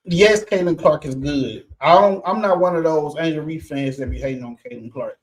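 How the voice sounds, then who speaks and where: A man's voice: on the high side, normal speed. A man hosting a sports reaction show, talking loosely and casually with frequent fillers.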